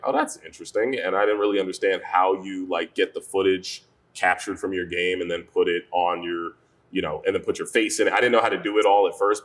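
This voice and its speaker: A man who is a voice actor and gaming creator, chatting casually in an interview and telling animated stories. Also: deep voice. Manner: animated storytelling, slips into character voices. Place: bar and lounge.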